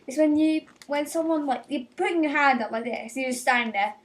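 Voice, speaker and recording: A woman's voice: high voice, brisk, far from the mic. A teenage girl doing a casual comic rant, acting out little scenes with quoted lines and giggles. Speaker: vlogger.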